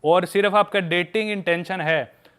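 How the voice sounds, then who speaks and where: A man's voice: high voice, steady tone, normal speed, fairly bright tone, clear, resonant tone. A young man casually telling candid travel stories as a podcast guest. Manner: candid, chatty anecdotal storytelling. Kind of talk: casual storytelling chat.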